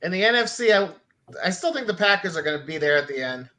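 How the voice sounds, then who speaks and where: Casting: man with a high, bright voice, blunt animated sports storyteller. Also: fast. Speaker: sports talk show regular. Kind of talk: casual sports chat.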